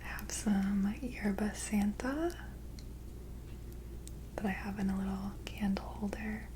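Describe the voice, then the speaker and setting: A woman in a whispered role-play as an ASMR energy healer, with an airy, breathy whisper and a gentle, soothing, mystical manner. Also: medium pitch, slow pace, a little hiss or hum.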